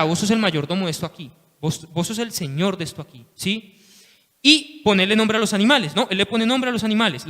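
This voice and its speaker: A man's voice: sits high, pushed and bright. A man preaching a sermon to his congregation, impassioned, with frequent "hermanos" and "¿sí?". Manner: impassioned, repeats "hermanos" and "¿sí?" often. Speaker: lay preacher. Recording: long reverb of a church hall.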